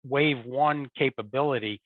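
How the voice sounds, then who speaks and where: In tinny, dry remote-call audio free of echo, a support and field services executive speaks as an interview guest at normal speed with a mid-range voice. He keeps it conversational, repeating words and frequently adding "you know" and "right?".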